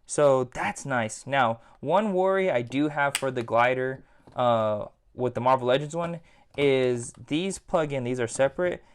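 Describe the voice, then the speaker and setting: A man's voice: mid-range voice, a little slow, clear, resonant tone. A man giving a casual, rambling toy review at home, leaning on filler words like "again" and "like". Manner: chatty, rambling, repeats "again" and "like".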